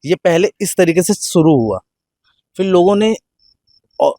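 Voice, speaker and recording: A man's voice: sits high, big pitch swings, a little slow, warm tone, a little hiss or hum. A man on a discussion panel, recounting a sequence of events with stumbles and restarts. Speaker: panel guest. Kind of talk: discussion commentary.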